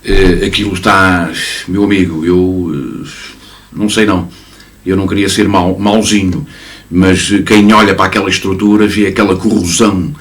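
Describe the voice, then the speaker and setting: A man commenting on football in a casual studio chat, animated and emphatic, often repeating and restarting words. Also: low voice, moderate pace. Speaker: sports commentator. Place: local TV studio.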